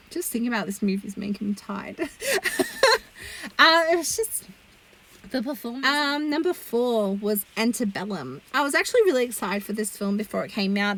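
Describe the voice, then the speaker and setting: A woman's voice: a little high, a bit bright, low-quality recording. A woman reviewing movies in a casual, blunt rant, exasperated and swearing freely. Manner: chatty with frequent fillers.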